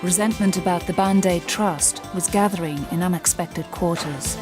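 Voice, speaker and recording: A woman giving scripted documentary narration in a measured, even way. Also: on the low side, music in the background.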